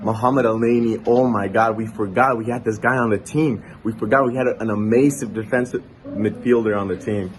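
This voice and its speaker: A man's voice: on the low side, steady tone, fairly quick. A man from Brazil giving a casual self-recorded reaction as a football fan. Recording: background noise, ambient sound.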